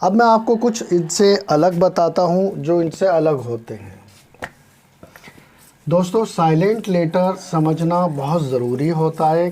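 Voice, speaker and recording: A man's voice: fairly high pitch, mellow. A man teaching an English lesson in Hindi, spelling words out letter by letter and often calling his listeners friends. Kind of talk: spoken language lesson.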